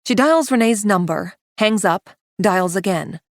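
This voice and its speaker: A woman's voice: medium pitch, lively intonation, unhurried, no room sound, studio quality. Woman narrating a tense thriller audiobook. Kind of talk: scripted narration.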